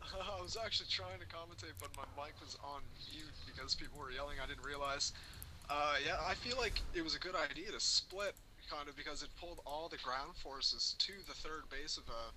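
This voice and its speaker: Man, game co-caster, casual analysis, slightly high voice, noisy headset mic. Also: bright, forceful tone. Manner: analytical, casual, breaks in with callouts. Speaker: co-commentator. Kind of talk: esports casting.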